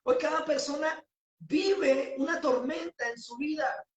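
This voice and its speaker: A woman preaching a sermon with passion, rising to shouts on key phrases. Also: high-pitched, unhurried, reverberant.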